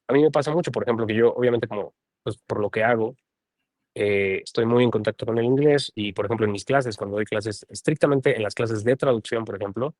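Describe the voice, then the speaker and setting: A man with a Mexican accent, speaking as an interview guest in a relaxed, thoughtful way and often adding a questioning tag. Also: fairly low pitch, no echo. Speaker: translator and guest. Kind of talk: casual conversation.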